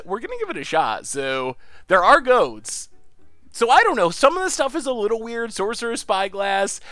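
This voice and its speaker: A card game streamer with a high, lively, slightly congested voice gives casual live-stream commentary on his gameplay, with no echo in the recording. He is excitable, laughs a lot, and cheers when he wins.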